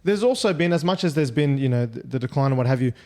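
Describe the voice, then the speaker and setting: Quick-talking man, rambling with "like". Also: medium pitch, lively intonation, a little mellow. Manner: rambling, restarts, many "like" fillers. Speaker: podcast co-host. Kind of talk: casual podcast chat.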